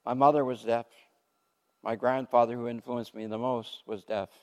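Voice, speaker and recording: An older male preacher appears as a guest speaker delivering a testimony sermon, telling his story loudly and with animation, laughing along the way. His voice is mid-range and his speed normal, and the recording carries a long hall reverb.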